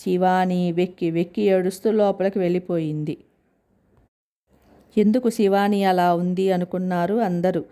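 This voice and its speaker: A woman reads a family story aloud in a steady, plain way. Her voice sits low with a soft, mellow tone. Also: moderate pace, clear, resonant tone. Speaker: narrator.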